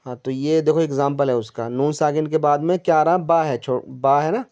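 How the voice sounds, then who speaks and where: A man tutoring a student in Quran recitation, patiently explaining and repeating each point slowly. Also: on the high side, darkish tone, smooth. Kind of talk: one-on-one tutoring lesson. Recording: dull lo-fi recording.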